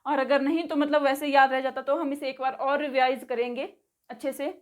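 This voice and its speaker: A woman giving a casual vocabulary lesson, repeating each word slowly, spelling it out letter by letter and checking in after each item. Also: sits high, steady tone. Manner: says "theek hai" after nearly every item. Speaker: spoken English teacher.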